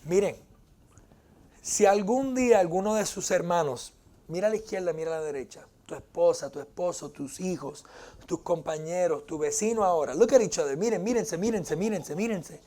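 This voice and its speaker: A man's voice: high-pitched, moderate pace, dark tone. A man preaching a sermon to a church congregation, playful and joking and dropping English phrases into his talk. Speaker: pastor.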